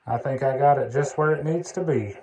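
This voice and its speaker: Demonstrating a repaired radio at his indoor electronics workbench, a man chats casually as a CB radio hobbyist. His medium-pitched voice is brisk, the audio dull, and the recording clearly noisy with background hiss.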